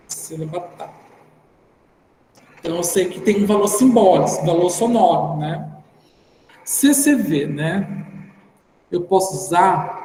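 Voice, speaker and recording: A man with a Brazilian Portuguese accent teaches an online class informally, thinking aloud and tagging his sentences with "né." His voice is on the high side and a little mellow, in a roomy, reverberant recording with faint background noise.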